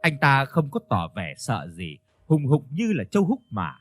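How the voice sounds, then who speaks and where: A man reading a ghost story aloud, his pitch rising and falling in a lively way. Faint instrumental music runs quietly under his narration. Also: normal speed, no room sound. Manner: storytelling, voices the characters.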